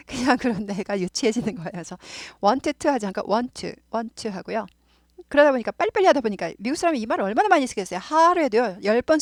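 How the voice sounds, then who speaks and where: A woman's voice: fairly high pitch, no room sound, clean studio sound. A middle-aged woman with a Seoul accent, explaining English grammar in a casual, chatty lesson, repeating points and drifting into asides. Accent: Seoul Korean. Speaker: English teacher.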